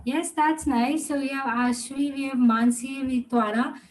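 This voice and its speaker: A woman's voice: sits high, steady tone, normal speed, poor audio. A woman teaching an online Mandarin class, encouraging the students and explaining pronunciation. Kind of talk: online class quiz and wrap-up.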